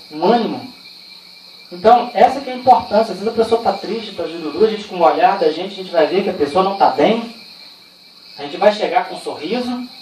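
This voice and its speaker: A man with a Brazilian Portuguese accent leads a training session in a relaxed, conversational way, asking rhetorical questions and telling personal stories. His voice sits fairly high and carries through a roomy, echoing space. He is picked up from some distance away, and faint crickets and insects can be heard behind him. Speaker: workshop trainer. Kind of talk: informal training talk. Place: indoor training room. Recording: echoey room, far from the mic, faint insect noise.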